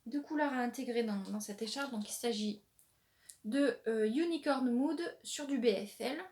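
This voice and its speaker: A woman hosting a knitting podcast, chatting casually with many pauses and restarts as she shows her yarn. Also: fairly high pitch, a little mellow, a little hiss or hum. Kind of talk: casual show-and-tell chat.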